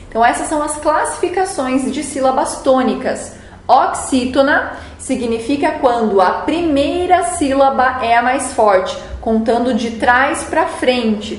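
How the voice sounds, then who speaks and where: Woman teacher from Brazil, high voice, patient step-by-step explanations, roomy echo. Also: slight background noise. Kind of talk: remote class instructions.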